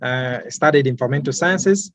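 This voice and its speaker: A man's voice: medium pitch, brisk, fairly bright tone, dry recording. A young man from Malawi, an environmental activist, answering interview questions hesitantly, with many fillers and repeated words.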